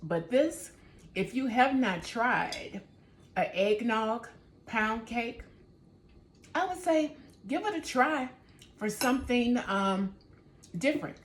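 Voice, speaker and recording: A woman's voice: on the high side, lively intonation, slow, long pauses. A woman hosting a home baking vlog, chatting easily and speaking straight to her viewers from her kitchen. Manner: easygoing, chatty, talks to viewers directly. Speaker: home baking channel host. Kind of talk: casual cooking vlog chat.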